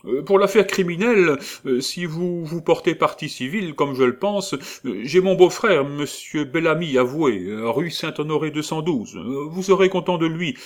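A man's voice: medium pitch, lively intonation, measured pace, voice pushed up. A man voicing a pompous, fussy middle-aged notary who speaks sententiously and hesitates with many "euh"s.

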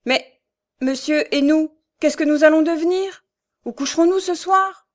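A woman's voice: fairly high pitch, normal speed, voice pushed up, close to an everyday voice. A woman voicing a frightened young mother in an audiobook, urgent and pleading. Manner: urgent, pleading, near shouting. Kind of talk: audiobook character voice.

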